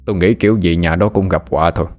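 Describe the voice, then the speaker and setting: Calm, knowing old grandfather, deep voice, voiced by a male storyteller. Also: very fast, faint music behind, lightly acted. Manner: calm, reassuring. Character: calm wise old grandfather, a spirit ward-maker.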